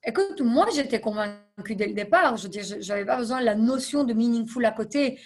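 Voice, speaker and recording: A woman's voice: on the high side, animated, brisk. A woman in her thirties, a podcast guest, answering interview questions thoughtfully with frequent hesitations and English business terms. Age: 30s. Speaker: podcast guest, nonprofit CEO.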